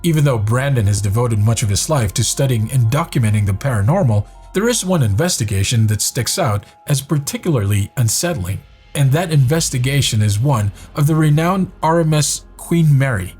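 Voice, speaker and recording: A man reading scripted narration for a countdown video in a measured, even storytelling manner. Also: medium pitch, breathy edge, soft background music.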